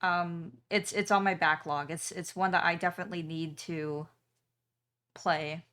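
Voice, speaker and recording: A woman's voice: fairly low pitch, fairly even intonation, measured pace, a bit bright. A young woman streamer chatting casually with her viewers while she draws, with frequent ums and small laughs. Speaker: streamer and artist.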